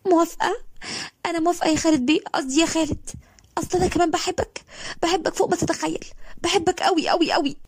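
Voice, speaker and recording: A woman's voice: very high-pitched, fairly even intonation, racing, dry recording, pitched above the performer's own voice. A woman with an Egyptian accent voicing a tearful young woman who gushes breathlessly. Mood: elated. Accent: Egyptian Arabic. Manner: breathless, gushing, repeats herself.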